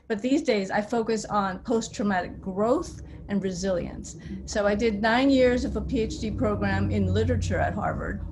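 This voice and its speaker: Woman psychiatrist explaining on a video call. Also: mid-range voice. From Vietnam. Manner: conversational, explains with everyday analogies. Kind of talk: webinar talk.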